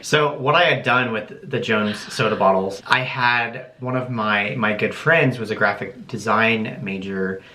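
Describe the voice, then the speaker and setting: Man, co-host, relaxed casual chat, bright tone, roomy echo. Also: fairly low pitch, measured pace, hardly any pauses. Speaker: channel co-host. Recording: echoey room.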